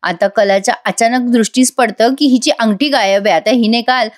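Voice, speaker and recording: Woman recap voice-over, animated and direct with the viewers, slightly high. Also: normal speed. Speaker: TV serial recap narrator. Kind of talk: chatty plot recap voice-over.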